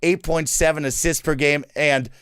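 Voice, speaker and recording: A man's voice: a little high, steady tone, normal speed, a bit bright, clear, resonant tone, no room sound, clean studio sound. A man hosting an esports talk show in an upbeat commentary style, pronouncing his r sounds as w. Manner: says w for r.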